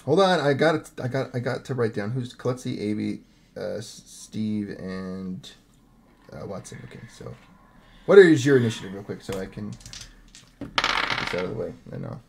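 A man's voice: lowish voice, expressive, moderate pace, vocal fry, a little hiss or hum. A man running a tabletop game as dungeon master over an online voice call, talking loosely with lots of fillers and self-corrections.

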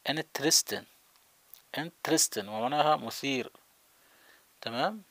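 Male language teacher, slow and patient repeater, gravelly tone. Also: medium pitch, fairly bright tone, no echo. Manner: slow repetition of words, checking in. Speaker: English teacher. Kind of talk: vocabulary lesson.

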